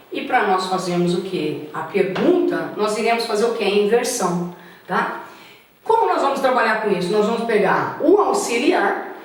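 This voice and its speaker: Brazilian woman teaching in an echoey room. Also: a little high. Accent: Brazilian Portuguese. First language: Portuguese. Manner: asks rhetorical questions and answers them herself; slows down to spell out example sentences. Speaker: English teacher. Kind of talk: classroom grammar lesson. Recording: very echoey room, some distance from the mic.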